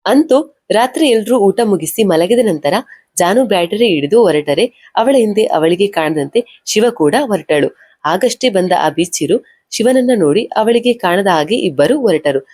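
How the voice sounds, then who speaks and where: Breathy woman reading a story. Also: medium pitch, lively intonation, unhurried, a little mellow, no room sound, clean studio sound. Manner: narrates and speaks every character's lines in one voice. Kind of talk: reading an emotional story aloud.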